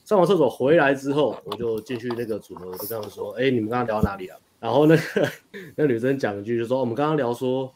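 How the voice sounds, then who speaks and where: Against a noisy background, a young man with an expressive, medium-pitched voice tells a story in casual chat. He coaches people on dating, and his account is quick and rambling, punctuated by restarts and laughs.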